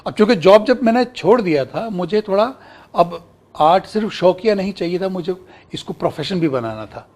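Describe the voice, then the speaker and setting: At a normal speed and with a high-pitched voice, a middle-aged man from Kashmir, India, talks through his career as an actor and broadcaster. The interview is full of lively storytelling as he acts out remembered exchanges.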